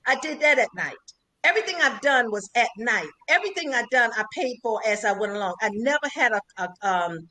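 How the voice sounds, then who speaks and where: An older woman speaks as a guest on a podcast, counseling listeners in an earnest, emphatic way. She repeats her main points for weight, and her voice sits a little on the high side. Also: animated, a little fast, bright, forceful tone. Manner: earnest, emphatic, repeats key phrases like a preacher. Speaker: psychologist and radio host, interview guest. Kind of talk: podcast interview, advice-giving.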